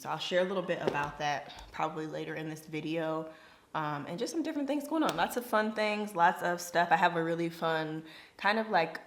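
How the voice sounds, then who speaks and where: A young woman with a notably low-pitched voice talks through her day in a relaxed vlog. Her delivery is loose and chatty, full of fillers and little asides. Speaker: vlogger and business coach. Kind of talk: casual day-in-the-life vlog chat.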